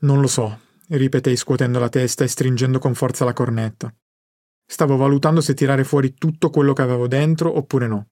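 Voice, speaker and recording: A man calmly narrating a first-person story as an audiobook, in a measured reading voice. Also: medium pitch, no echo, clean studio sound.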